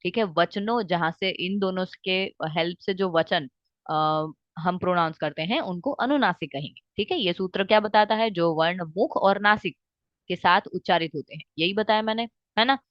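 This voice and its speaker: A woman's voice: lowish voice, moderate pace, no room sound, dull audio. Woman teacher drilling Sanskrit grammar. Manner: checks often with "ठीक है" and "आ गई बात समझ में?"; mixes English words into Hindi. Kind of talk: exam-focused lecture.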